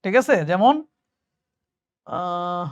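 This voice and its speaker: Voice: medium pitch, drawn-out words, clear, resonant tone, no echo, muffled recording. A young adult teacher with a Bangladeshi Bengali accent, reading exam questions aloud and answering each one step by step, often thinking aloud and correcting themselves. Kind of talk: admission exam lesson.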